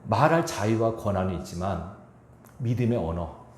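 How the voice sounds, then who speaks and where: A male pastor preaching a sermon, animated, acting out quoted speech and asking the congregation questions. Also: fairly low pitch, normal speed, reverberant, slight background noise. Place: church sanctuary.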